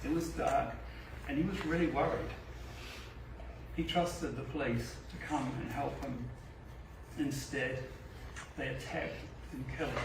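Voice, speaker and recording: A man's voice: medium pitch, noisy background. Man giving a grave statement, echoey and distant. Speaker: father of the victim. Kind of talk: press conference statement. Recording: distant roomy press-conference audio.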